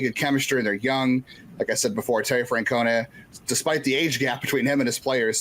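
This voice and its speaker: A man giving confident, steady baseball analysis as a guest on a podcast panel. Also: mid-range voice. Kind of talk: casual sports talk.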